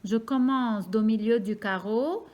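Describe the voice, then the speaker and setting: A woman teaching young children a lesson, speaking slowly and clearly and repeating each word so they can follow. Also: fairly high pitch, a little mellow. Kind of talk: slow, careful classroom lesson for young children.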